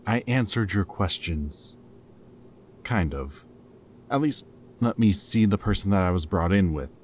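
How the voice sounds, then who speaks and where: Over clear background noise, a man with a very low, animated and slightly mellow voice plays a captured rebel scientist in an intimate, dramatic audio roleplay. Caring but weighed down by guilt, he sounds defiant and exasperated, speaking in a hesitant, halting way that stays casual and earnest.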